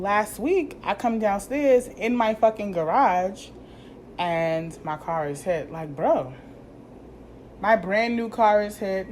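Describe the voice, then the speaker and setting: Low-voiced woman telling a profane story. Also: slight background noise. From New York. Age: 30s. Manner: animated, profane, slangy, acts out quoted dialogue. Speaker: vlogger. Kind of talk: casual storytelling vlog.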